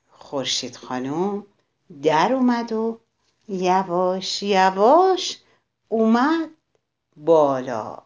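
Female storyteller for children: animated, slow, melodic, addresses young listeners. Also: medium pitch. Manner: sing-song, slow, addresses the children directly.

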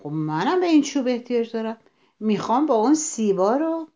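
A woman doing a soft-spoken storybook hedgehog. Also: lowish voice, sing-song, lo-fi sound. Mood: insistent. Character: quiet, practical hedgehog.

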